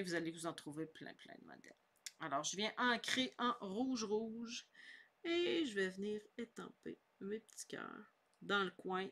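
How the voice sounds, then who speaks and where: Bright, chatty Québécois craft teacher. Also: female voice, mid-range voice. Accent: Québécois French. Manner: chatty, upbeat, explains each step. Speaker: scrapbooking instructor. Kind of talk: casual craft tutorial.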